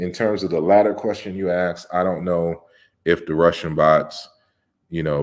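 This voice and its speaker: A man with an extremely deep, low voice hosts a casual livestream. He reads viewer comments aloud and answers at length, relaxed and conversational. His explanations are measured and lecturing, with frequent fillers and restarts. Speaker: host of an open discussion livestream.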